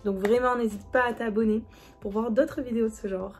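A woman's voice: on the high side, fairly even intonation, fairly quick, a little mellow, faint music behind. A young woman with a Marseille accent chatting casually through a makeup review, slangy and laughing, dropping into murmurs as she applies products. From France. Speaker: beauty vlogger.

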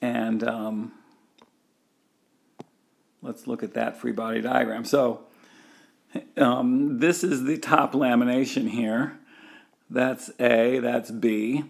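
Gravelly-voiced man lecturing slowly. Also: mid-range voice, flat delivery. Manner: thinks aloud with many fillers and restarts, walking through a diagram. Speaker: engineering lecturer. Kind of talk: recorded university lecture.

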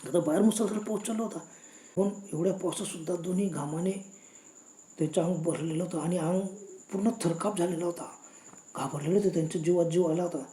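A woman's voice: fairly low pitch, steady tone, brisk, dark tone, echoey room. A woman narrating a horror story in a dramatic storytelling manner.

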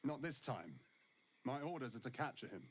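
An actor playing a wry, world-weary wandering monster hunter in a video game, with dry, sardonic delivery. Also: male voice, medium pitch, big pitch swings, normal speed. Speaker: game character.

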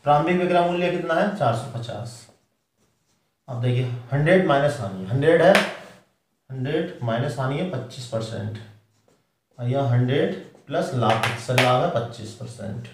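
A man's voice: medium pitch, expressive, normal speed, distant mic, noisy background. Hindi-accented man teaching math in an echoey room. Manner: works problems step by step, asking and answering himself. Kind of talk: whiteboard math lesson.

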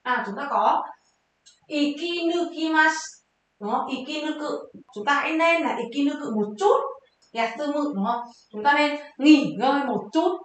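Lively high-voiced woman teaching vocabulary. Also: normal speed, a little hiss or hum. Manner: lively, quizzing viewers with questions. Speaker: Japanese teacher. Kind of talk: vocabulary exam lesson. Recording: very echoey room.

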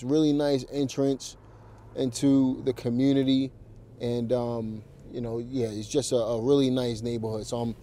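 A man's voice: mid-range voice, warm tone, slight background noise. A man, a real estate investor, chatting casually to viewers in a walk-through vlog, talking straight to the camera with lots of fillers and restarts. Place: outdoors at a house, then in a car.

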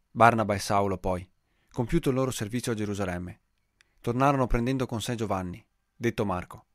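A man of ordinary middle pitch reads scripture in a measured, solemn way. His voice is close to the mic with a dry, dead sound and no room around it. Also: no room sound. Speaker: scripture reader. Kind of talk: liturgical scripture reading.

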